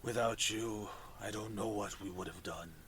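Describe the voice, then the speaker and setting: A man voicing a gentle, grateful mushroom creature leader in a tabletop game, speaking softly and courteously with a hushed, muffled, solemn delivery. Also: lowish voice, normal speed, slight background noise, pitched below the performer's own voice, natural voice. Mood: grateful, apologetic.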